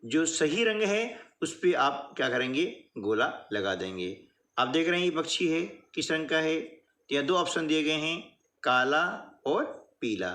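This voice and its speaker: A man teaching a workbook lesson in a patient, slow classroom manner, often checking in with the listener. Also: a little high, lively intonation, a bit bright. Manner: patient, repeats "है ना" and "ठीक है" often.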